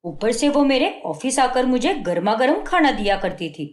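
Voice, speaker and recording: A woman's voice: on the high side, big pitch swings, moderate pace, echoey room. A woman voicing a fault-finding young husband in a cartoon, scolding and contemptuous. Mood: scornful. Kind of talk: Hindi cartoon dubbing.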